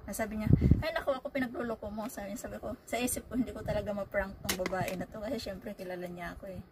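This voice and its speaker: A woman vlogger from the Philippines, telling a prank story in a chatty, animated way in her bedroom. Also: mid-range voice, quick pace, very noisy. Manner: chatty, animated retelling with laughter. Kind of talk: casual storytelling vlog.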